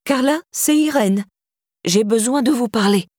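A firm older woman neighbour who presses her point with an insistent, accusing edge, as a woman reading the story puts her on. Her voice sits higher than the reader's own and comes out husky. The sound is close and dry. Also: a little slow, darkish tone, no room sound. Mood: calm.

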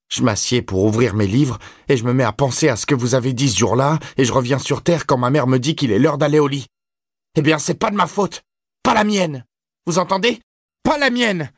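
Mec qui fait un gamin hargneux qui crie aigu, un peu rauque. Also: male voice, breathy edge, no echo, clean studio sound. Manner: shrill, shouting, venomous. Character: frantic furious teenage boy.

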